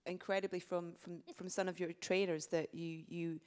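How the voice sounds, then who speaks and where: A woman moderating a press conference, reading out questions and briskly directing the room. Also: on the low side, level tone, a little mellow, clean tone.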